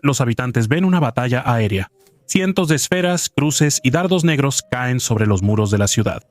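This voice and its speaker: A man giving scripted documentary narration in a measured, even storytelling delivery, recorded close as a voice-over. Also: mid-range voice, no room sound.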